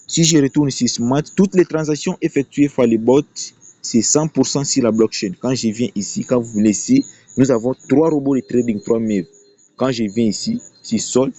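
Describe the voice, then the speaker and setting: In an unscripted screen-share tutorial for YouTube, a man promotes a trading platform, explaining emphatically and repeating his phrases often. His mid-range voice is warm, with no room sound, on a dull, lo-fi recording.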